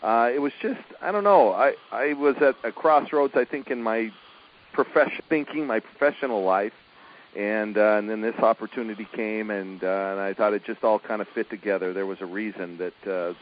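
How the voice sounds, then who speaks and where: A man's voice: on the low side, moderate pace, muffled recording, a little hiss or hum. A middle-aged man, a college basketball coach, talking casually in an interview, easygoing and chuckling, with lots of fillers and restarts. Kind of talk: phone interview, casual chat.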